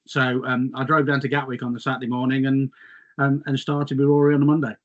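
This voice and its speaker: A middle-aged Englishman, appearing as a guest, rambles through casual reminiscences while mocking himself, his voice slightly going. He talks fast in a medium-pitched monotone, and the recording is lo-fi.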